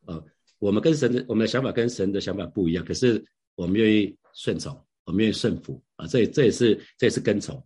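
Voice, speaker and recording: A man's voice: fairly low pitch, expressive, quick pace, warm tone, breathy edge. A middle-aged man, a preacher giving a devotional Bible sharing in a conversational way, often repeating and restarting phrases and asking rhetorical questions.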